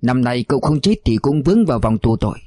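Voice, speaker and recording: A man's voice: medium pitch, expressive, fast, warm tone, no echo, clean studio sound, close to an everyday voice. A man voicing a stunned old male fortune teller who stammers out a warning, in a storybook reading. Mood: fearful.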